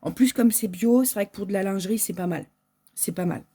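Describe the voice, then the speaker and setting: Speaking briskly in a medium-pitched, dark voice with a breathy edge, a French woman who owns a sewing shop talks casually through an unboxing. She hesitates often and fills gaps with fillers. Packaging crinkles in the background.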